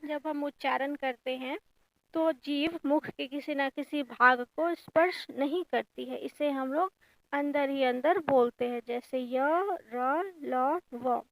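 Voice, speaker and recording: A woman with a high, gravelly voice teaches a grammar lesson at an unhurried pace. She explains each point patiently and stresses what matters for exams. The sound is dry and close. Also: no room sound, rough recording. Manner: patient, explains step by step and stresses exam importance. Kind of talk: exam-prep grammar lesson.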